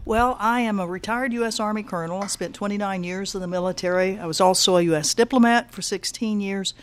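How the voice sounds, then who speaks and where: An older woman and peace activist answering interview questions casually, pausing often with fillers and restarts. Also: mid-range voice, soft background music. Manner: halting, many fillers and restarts.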